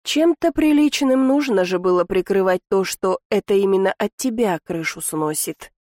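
A woman's voice: mid-range voice, moderate pace, darkish tone, no echo, studio quality, natural voice. A woman reading the part of a restrained young male count in an audiobook, groaning and pleading in frustration. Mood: confessing.

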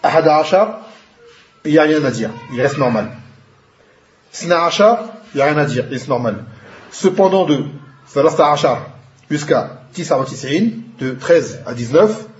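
A man teaching a grammar class in a fairly high voice, patiently breaking down each rule and switching between two languages as he goes. The sound is echoey and a bit dull, like a lo-fi recording in a bare room. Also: lively intonation, moderate pace. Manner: explains patiently, switching between French and Arabic terms. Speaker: Arabic teacher.

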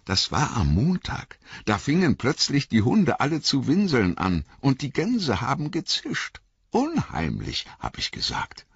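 A man's voice: mid-range voice, a little slow, vocal fry, slightly rough, no echo, pitched above the performer's own voice, heavily acted. A man voicing a chatty, flustered innkeeper in an audiobook reading, rambling and apologetic. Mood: ominous. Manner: rambling, apologetic, lively storytelling. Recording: dull lo-fi recording.

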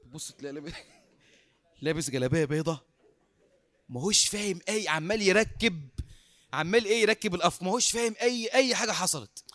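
A man with an Egyptian accent preaching through a lively story, acting out the dialogue and laughing often. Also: high voice, quick pace, pauses often, no room sound. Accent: Egyptian Arabic. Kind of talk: sermon storytelling.

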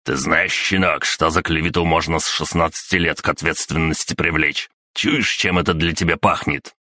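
Bullying loud father, done by the male narrator, scornful blustering delivery, deep dry read. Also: steady tone, moderate pace, no room sound, heavily acted. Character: loud boorish middle-aged father, bullying and rude.

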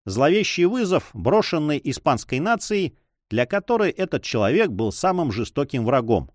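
Male narrator, adventure audiobook, expressive, animated pitch, dry studio sound. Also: normal speed, dry recording. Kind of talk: scripted narration.

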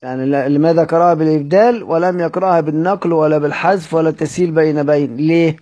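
A man's voice: a little high, fairly even intonation, dark tone. A man with an Egyptian accent teaching Quran recitation. He reads a classical text aloud, then explains it in colloquial speech and keeps asking questions. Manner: slowly spells out word examples.

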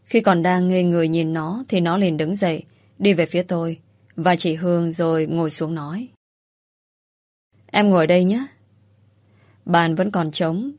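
A woman narrating a first-person story in a steady, measured reading. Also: fairly low pitch, no echo, studio quality.

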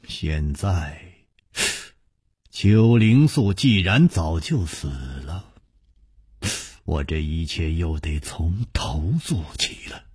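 A restless young swordsman, voiced by a man, mutters his thoughts in a husky, rough voice and jumps into sharp exclamations. His pitch swings widely, and the sound is dry and close. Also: sing-song, slow, long pauses, no echo, heavily acted. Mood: brooding. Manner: muttering, then bursting into exclamations. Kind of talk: storytelling performance.

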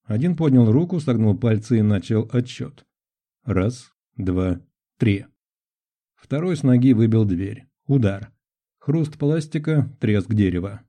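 A man reading an adventure audiobook in first person, with measured, tense storytelling. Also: on the low side, mellow. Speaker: audiobook narrator. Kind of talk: scripted first-person narration.

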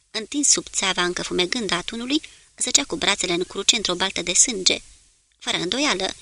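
A woman narrating a war novel as an audiobook, in a steady, measured storytelling manner. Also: mid-range voice, creaky.

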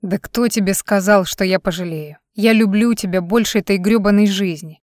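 A woman's voice: medium pitch, normal speed, a little mellow, no room sound, natural voice. Desperate man on the phone, urgent and swearing, read by a woman narrator. Dry, close sound. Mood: pleading. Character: man, tense pleading lover on the phone.

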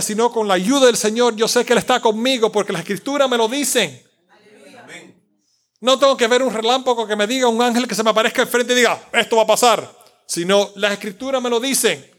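A man's voice: sits high, fairly bright tone. A man preaching a sermon in a conversational, joking way, slipping in English words and talking to the congregation.

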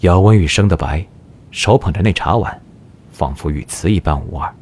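A man's voice: sits low, normal speed, a little mellow, a little hiss or hum. A man narrating a historical audio drama in a scripted, dramatic storytelling style. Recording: music behind the narration.

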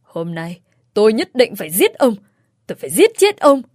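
A wronged young woman, shaking with rage, spits bitter accusations in high, loud bursts, as a woman reads her in a storytelling recording. The recording is close and dry. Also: sing-song, moderate pace, no echo. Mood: furious. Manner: shouting, bitter.

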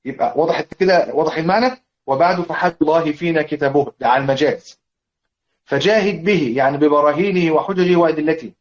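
A man with an Egyptian Arabic accent teaching a classical poem, checking often that his students follow and chanting verses slowly. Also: fairly high pitch. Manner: checks understanding with repeated questions; chants verses slowly, lists points deliberately. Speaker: Quran recitation teacher. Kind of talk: explanatory lesson on classical poem. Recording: dull lo-fi lecture recording.

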